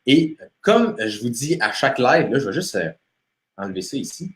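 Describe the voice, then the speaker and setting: A man's voice: medium pitch, sing-song, normal speed. Man, Québécois accent, live stream host, casual, hesitant fillers, roomy echo. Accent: Québécois French. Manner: casual, many fillers and restarts.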